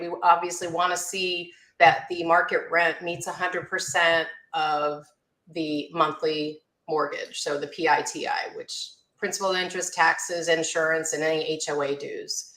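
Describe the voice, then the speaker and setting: A woman's voice: low-pitched, flat delivery, measured pace, a bit bright. A woman, a mortgage loan officer, explaining loan terms in a matter-of-fact way as an interview guest. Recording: roomy echo.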